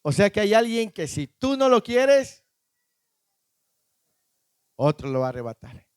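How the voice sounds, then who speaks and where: A man preaching a sermon, emphatic, firing rhetorical questions at the congregation and rising to shouts at the peaks. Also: high-pitched, big pitch swings, measured pace, clean tone, no room sound, clean studio sound.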